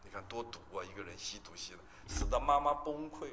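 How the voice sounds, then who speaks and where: A man's voice: medium pitch, animated, fast, fairly bright tone, a little hiss or hum. A male pastor, giving an emotional testimony sermon with emphatic storytelling.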